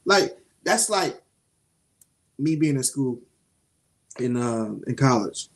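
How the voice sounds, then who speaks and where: A young man, co-hosting a casual show review and telling stories in an animated, streetwise way, swearing freely. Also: mid-range voice, slow pace. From Jacksonville, Florida (Duval). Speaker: podcast co-host.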